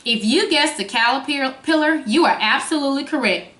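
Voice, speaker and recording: A woman with a high, very lively voice reads a picture book to little children like a kindergarten teacher. Her delivery is sing-song and expressive, with simple questions put to the listeners. The sound is roomy and echoing. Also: normal speed. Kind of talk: reading a picture book aloud to young children.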